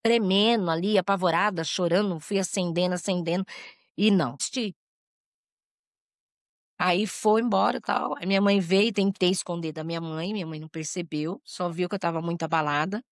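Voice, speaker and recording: A woman giving an emotional personal testimony as an interview guest, halting and tearful, with restarts and quoted voices. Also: lowish voice, fairly even intonation, no room sound, studio quality. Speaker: interview guest telling her life story.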